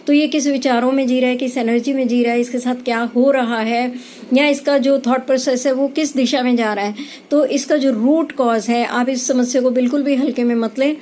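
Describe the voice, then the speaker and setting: A woman giving a calm spiritual explainer talk as a tarot reader, pausing often with hesitations. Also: high voice, a little hiss or hum.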